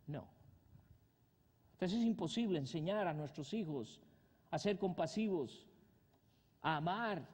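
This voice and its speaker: A man preaching a sermon, asking the congregation rhetorical questions and swinging from loud rises to soft drops. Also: on the high side. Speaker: pastor. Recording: long hall reverb.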